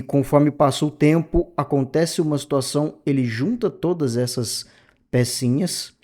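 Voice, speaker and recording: A Brazilian opinion channel host in his thirties talks in a mid-range voice with a dark tone. His monologue is relaxed and reflective, aimed directly at viewers, and he rambles and fixes his own words as he goes.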